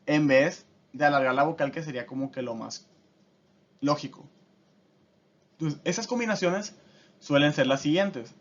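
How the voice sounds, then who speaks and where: A language teacher with a slightly high voice gives a casual lesson at a moderate pace, pausing often as he explains things step by step and checks in with his listeners. The audio is dull and lo-fi.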